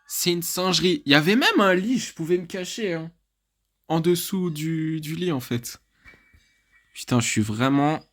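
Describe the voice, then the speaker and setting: A man's voice: on the high side, a bit bright. A man casually commentating a horror video game, chatty, swearing and laughing at his own mistakes. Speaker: gaming YouTuber.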